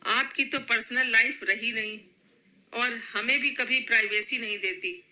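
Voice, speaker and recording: A woman's voice: a little high, fairly even intonation, a little slow, pushed and bright, rough recording. A woman storyteller voicing a young husband caught between his wife and his mother, scolding and pleading. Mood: stern.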